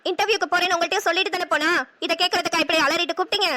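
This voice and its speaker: A woman with a Namakkal Tamil accent voicing a sharp-tongued, impatient young wife in a cartoon. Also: very high voice, steady tone, rapid-fire. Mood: irritated. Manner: snappy, dismissive.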